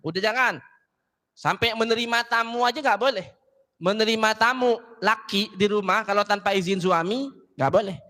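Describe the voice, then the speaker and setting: High, bright-voiced preacher man in a hall. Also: normal speed. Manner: joking, chatty, addresses audience directly. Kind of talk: casual sermon to women's gathering. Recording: long hall reverb.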